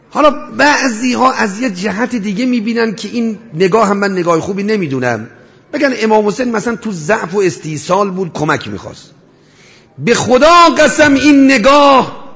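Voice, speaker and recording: A man preaching a mourning sermon, rhetorical, swinging between loud cries and hushed storytelling. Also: sits high, vocal fry. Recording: dull reverberant hall sound.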